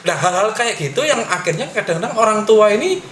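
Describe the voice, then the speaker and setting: Man, middle-aged, parent giving advice, halting explanations, animated voice, slight background hiss. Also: high-pitched. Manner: explanatory, frequent pauses and fillers. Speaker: parent guest sharing advice. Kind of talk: conversational explaining. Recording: echoey room.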